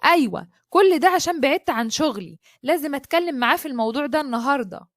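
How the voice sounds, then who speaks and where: A headstrong young woman speaks in a sharp, sarcastic way, as a woman storyteller voices her. The voice is high and fast. The sound is dry and close. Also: animated, no room sound.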